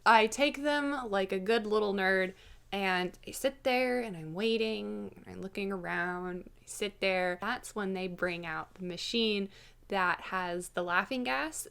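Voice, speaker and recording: A woman telling a personal story in a casual vlog style, with an animated manner that slips into acting out dialogue. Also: medium pitch, vocal fry, clean tone. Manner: animated, acts out quoted dialogue. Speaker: vlogger.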